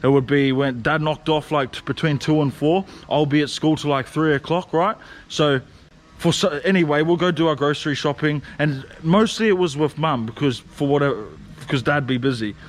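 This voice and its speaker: A young man vlogs casually, telling stories in slangy speech, swearing and laughing often. His voice is a little high and his pace normal, with faint background noise behind him.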